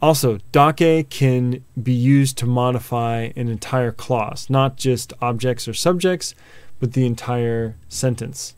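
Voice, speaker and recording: A man teaching a video lesson, patiently explaining with examples and memory tricks, often pausing on filler sounds. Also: mid-range voice, darkish tone, clear, resonant tone, no room sound. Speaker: language teacher.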